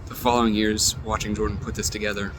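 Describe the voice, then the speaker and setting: A man recording a heartfelt message on his phone, halting and reflective, searching for his words. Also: on the low side, flat delivery, music in the background. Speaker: friend leaving a recorded message. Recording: phone recording outdoors with traffic noise.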